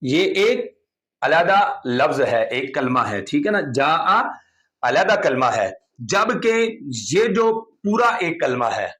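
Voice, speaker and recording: Guy explaining quran reading slow and patient, kinda high pitched. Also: very animated, fairly bright tone. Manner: patient, repetitive explaining with frequent "theek hai". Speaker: Quran recitation teacher. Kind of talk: explanatory online lesson.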